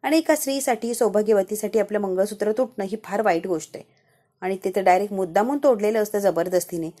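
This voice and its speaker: A woman tells the story of an episode as a chatty voiceover recap and often checks in with her listeners. Her voice is warm and mellow and sits in a middle pitch. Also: fast. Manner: conversational, frequently asks the listener questions. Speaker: serial episode reviewer. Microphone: voiceover microphone.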